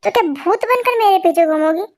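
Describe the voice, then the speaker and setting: A patient young husband with a soft, coaxing way of talking, as a woman puts him on in a homemade fan dub. The voice stays very high for a man, and it is kept low and gentle. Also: measured pace. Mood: soothing. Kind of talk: amateur Hindi fan dub.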